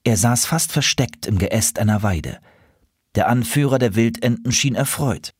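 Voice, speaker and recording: Male storyteller, unhurried, husky, expressive for children. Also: medium pitch, no room sound, studio quality. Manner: calm, expressive read-aloud.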